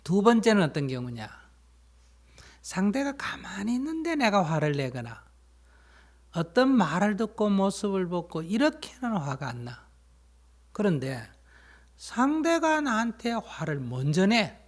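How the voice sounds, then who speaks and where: Male Buddhist teacher, dharma talk, slightly high voice, plain explanatory delivery with questions to the audience. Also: very animated, measured pace, pauses often. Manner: plain explanatory storytelling, asks listeners questions.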